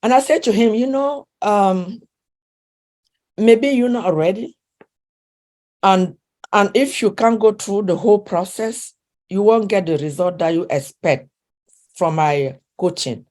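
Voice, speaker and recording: A woman with a mid-range voice speaks a little slowly and pauses often, talking in English with a non-native accent. As a relationship coach in a conversational interview, she is earnest, frequently restarting sentences and laughing softly.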